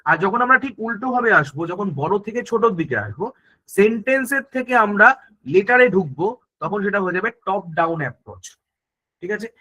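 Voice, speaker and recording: A man's voice: sits high, expressive, a little fast, bright, forceful tone, poor audio. A man teaching an online exam-prep class, explaining step by step, asking questions on his students' behalf and answering them, and often checking that they follow.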